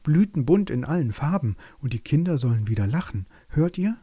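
Man putting on a tiny brave mouse, squeaky, insistent, storybook, mellow husky tone, dry. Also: big pitch swings, dry recording, heavily acted. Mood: eager. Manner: squeaky, insistent, rushed pleading. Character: brave tiny female field mouse, eager and urgent. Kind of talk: bedtime story voice acting.

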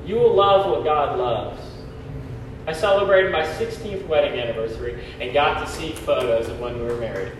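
A man's voice: a little high, normal speed. A middle-aged man preaching as a pastor in an emphatic, colloquial, exhorting manner, his voice echoing like in a cathedral. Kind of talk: sermon. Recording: echoey church, distant mic, faint noise.

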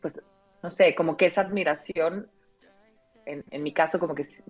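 A woman's voice: deep voice, moderate pace, faint music behind. A woman with a Mexican accent, a radio announcer, telling a childhood story in a casual interview, peppering her talk with tag questions. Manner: lively anecdotal telling, frequent "o sea" and "¿no?" tags.

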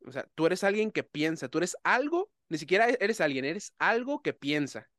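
A man with a slightly raised pitch hosts a relaxed conversation. He is thoughtful and careful when he explains an idea. His voice is recorded dry and close, with little room sound. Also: normal speed, no echo. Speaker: host. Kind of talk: casual conversation.

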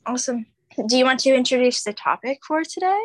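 A young woman co-hosting a podcast, talking in a relaxed, rambling way. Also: high voice, quick pace. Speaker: podcast co-host. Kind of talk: casual chat.

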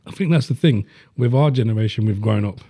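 A podcast host from Leicester, England, chats bluntly and swears freely in a casual conversation. His voice is fairly low and warm, he talks fast, and there's no echo.

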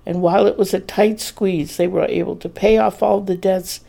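A man reading a romance story aloud in a measured, plain storytelling manner. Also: high voice, steady tone, gravelly, warm tone. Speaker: narrator. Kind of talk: scripted narration of a romance story.

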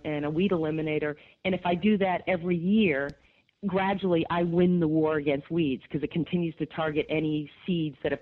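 A woman from upstate New York with a gravelly voice, chatting enthusiastically as a garden expert guest in a radio interview, with lots of fillers. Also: sits low. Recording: tinny phone line.

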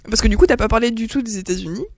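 A woman chatting casually in a group talk, lively and exclamatory, with many fillers. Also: on the high side, very fast, gravelly.

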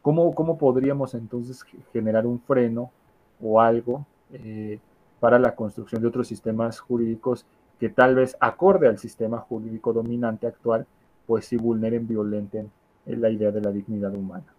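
Mellow-voiced male interviewer, courteous. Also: medium pitch, fairly even intonation, moderate pace, highs cut off. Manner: courteous, hesitant, restarting his question. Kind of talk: polite interview question.

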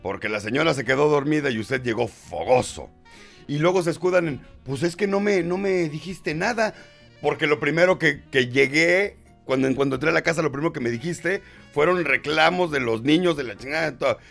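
Gravelly mexican guy, kinda high voice, cracking crude jokes on a talk show, faint music under him. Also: a little fast, a bit bright. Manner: joking, swears freely, acts out voices. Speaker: co-host. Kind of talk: casual comic chat.

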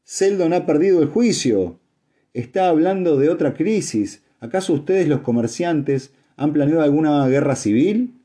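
A man reading aloud and voicing an agitated male scholar who shouts in a strident voice. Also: on the high side, lively intonation, normal speed, husky, voice pushed up. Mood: alarmed shouting.

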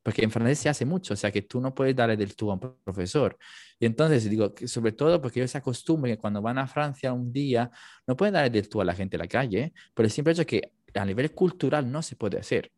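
A man's voice: medium pitch, expressive, fast talker, darkish tone, no echo, studio quality. A French-speaking man who teaches French, chatting casually in a conversation and thinking aloud with frequent fillers.

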